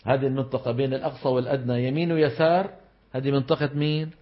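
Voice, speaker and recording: A man with a Levantine Arabic accent gives a classroom lecture on Quran recitation, posing questions to the class, answering them himself, and stressing the precise vowels of terms. He races along in a mid-range voice with little pitch movement, captured on a dull lo-fi lecture recording.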